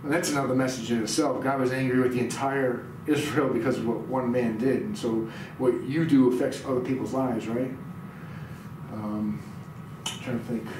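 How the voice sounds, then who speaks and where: A man's voice: medium pitch, steady tone, normal speed. Middle-aged male pastor preaching, quizzes listeners, roomy echo, distant mic. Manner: reads scripture aloud and quizzes the audience. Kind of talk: sermon. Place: small church room indoors. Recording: very echoey room, heard from afar, noisy.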